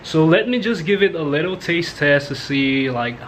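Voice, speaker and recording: A man's voice: fairly high pitch, lively intonation, moderate pace, fairly bright tone, soft background music, poor audio. A young man chatting casually in a cooking vlog, joking with viewers while he whisks, tired and a little out of breath. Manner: playful, jokey, talks to viewers while whisking. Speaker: vlogger.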